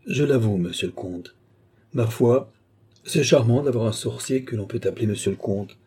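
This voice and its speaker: A man's voice: mid-range voice, moderate pace, mellow, husky. A man reading aloud and voicing an aging, worldly duke who speaks wryly and in disbelief for an audiobook. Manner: wry, incredulous. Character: astonished aging male duke, worldly and wry.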